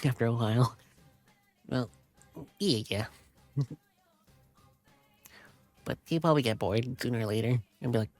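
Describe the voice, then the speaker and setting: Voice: mid-range voice, darkish tone. A streamer reading game narration aloud and breaking off into giggly, chatty asides. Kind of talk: reading a visual novel aloud with commentary.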